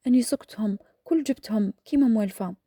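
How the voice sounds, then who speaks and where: A woman's voice: medium pitch, fast, dark tone, no room sound, studio quality, natural voice. A woman voicing a frightened, pleading young shepherd girl, with an Algerian accent. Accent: Algerian Arabic. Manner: pleading, fearful.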